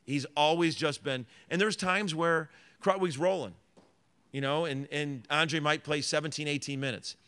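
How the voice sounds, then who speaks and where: A man's voice: fairly high pitch, normal speed, fairly bright tone, clear, resonant tone. A middle-aged man, a college basketball head coach, answering reporters' questions at a press conference in earnest, rambling sentences full of fillers and restarts.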